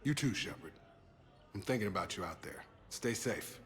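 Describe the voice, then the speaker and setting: A man's voice: lowish voice, animated, moderate pace, natural voice. A man playing a loyal, upbeat former soldier in a video game, talking in an easygoing, sincere and informal way. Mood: relaxed, warm.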